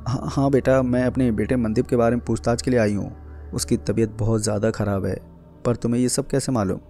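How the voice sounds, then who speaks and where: A man's voice: mid-range voice, steady tone, a little fast, mellow, soft background music, close to an everyday voice. A man voicing a worried elderly grandmother who pleads for help. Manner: pleading, strained.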